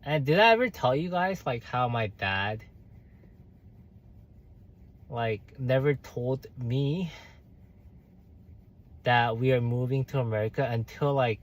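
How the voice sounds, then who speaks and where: A man's voice: mid-range voice, lively intonation, slow, pauses often. A young man, chatting casually on a livestream while reading viewer comments, hesitant with many fillers and restarts. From South Korea. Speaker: livestream host.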